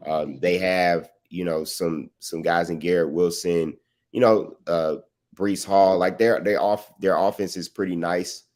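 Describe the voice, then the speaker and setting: A man with a very low, deep voice hosts a relaxed sports talk show. He leans on "you know" and "um" and asks long, winding questions. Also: unhurried.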